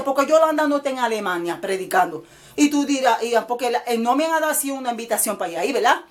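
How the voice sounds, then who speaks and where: A woman evangelist preaches an informal sermon straight to her viewers. Her voice sits high, and her delivery is emphatic and rambling, with English words mixed in.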